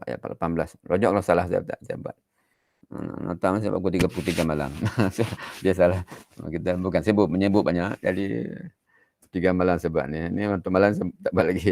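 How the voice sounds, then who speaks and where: A man with a Malaysian Malay accent gives an online dawn religious lecture in a chatty, chuckling way, drawing out each verse slowly. His voice sits low with a gravelly rasp. The sound is dry and close. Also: darkish tone, no echo.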